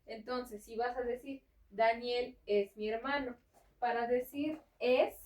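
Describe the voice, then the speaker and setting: A woman's voice: on the high side, steady tone, slow pace, darkish tone. A woman giving a patient, step-by-step home lesson in French, often checking in with the learner. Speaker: informal French tutor. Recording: roomy sound, far from the mic.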